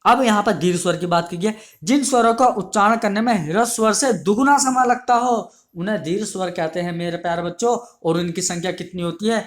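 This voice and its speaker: A man teaching an exam-prep grammar lesson, asking questions and then answering them himself, repeating each definition and calling his students his dear children. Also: high voice. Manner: repetitive, drills each definition slowly.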